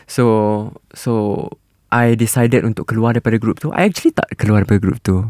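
A man's voice: lowish voice, a little fast, no echo. Malaysian male podcast guest, casual slang English mixed with Malay, dry close sound. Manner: animated, informal code-switching with Malay particles. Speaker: podcast guest, singer and actor.

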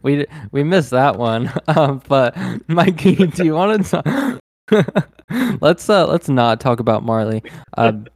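A man's voice: a little high, lively intonation, slow, a little mellow, no echo. An easygoing man hosts a sports podcast in a dry, close-miked sound. He laughs often and restarts his sentences. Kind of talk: casual sports chat.

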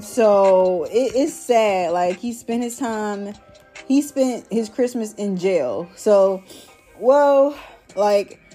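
A woman with a mellow, warm voice chats casually as a solo podcast host. She sounds stoned, drifting through slangy, rambling thoughts addressed to y'all. Faint music plays behind her. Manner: stoner drawl, high and rambling.

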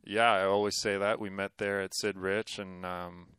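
A man's voice: sits low, flat delivery, moderate pace, fairly bright tone, clean tone, dry recording. A man in his thirties from Norway, chatting easily as a podcast guest. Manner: easygoing, with many fillers and restarts. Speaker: guest, golf coach. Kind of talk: casual interview chat.

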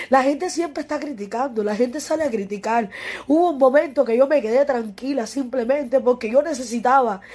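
Cuban woman ranting to camera, high voice, teary and worn out, swears a lot, says stuff over and over. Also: a little mellow, breathy edge. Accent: Cuban Spanish. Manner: impassioned, repetitive, profane, pleading. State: tearful and weary. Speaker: musician addressing a critic. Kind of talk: emotional direct-to-camera monologue.

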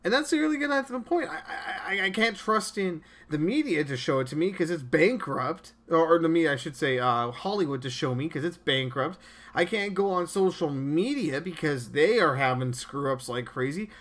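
Man, podcast host, earnest preachy monologue, stammering restarts, slightly high voice. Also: lively intonation, normal speed, fairly bright tone.

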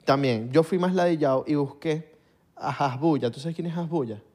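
Young male co-host, Venezuelan accent, slightly higher voice, playful slangy banter. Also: normal speed. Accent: Venezuelan Spanish. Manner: joking, slangy, animated storytelling. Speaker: podcast co-host. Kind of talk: casual chat.

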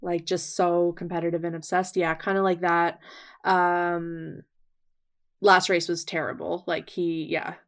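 A woman's voice: on the low side, flat delivery, a little slow. Woman podcast co-host, casual and talkative, filler-heavy. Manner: chatty, filler-heavy, laughs often. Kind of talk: casual chat.

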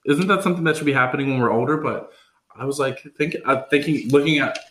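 This young podcast host, in his twenties, talks quickly in a mid-range, somewhat bright voice. The casual chat is relaxed and humorous, full of trailing fillers, and the room gives it a noticeable echo.

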